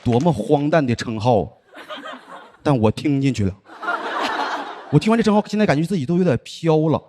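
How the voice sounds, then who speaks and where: A man delivers a stand-up set with a fairly high voice that rises and falls a great deal. His storytelling is dry and deadpan, and he acts out the people in his stories. The recording has clear background noise. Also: a little fast, a crowd in the background. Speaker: stand-up comedian. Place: comedy show stage with live audience. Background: audience laughter.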